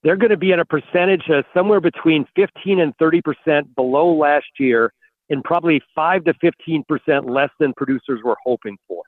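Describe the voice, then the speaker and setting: A man analysing farm markets as a guest on a call-in radio interview, heard over a buzzy, glitchy phone connection that breaks up, talking in halting bursts with repeated words. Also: on the high side, no room sound. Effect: buzzy, glitchy phone call audio that breaks up. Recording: dry, tinny phone line.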